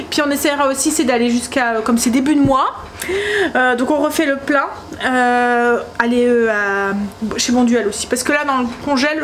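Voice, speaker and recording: A woman with a northern French accent talks casually to camera in her kitchen, rambling and filling pauses with hesitations. Her voice sits high for a woman. The recording carries clear background noise. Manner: chatty, rambling, many hesitations. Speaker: vlogger. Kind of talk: casual home vlog chat.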